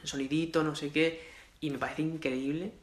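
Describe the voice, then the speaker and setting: A man's voice: on the high side, fairly even intonation, normal speed. A man with a Spain Spanish accent, casually chatting about a film as co-host and peppering his talk with swearing and tag questions. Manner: chatty, swears freely, lots of "¿no?". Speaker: podcast co-host. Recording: echoey room.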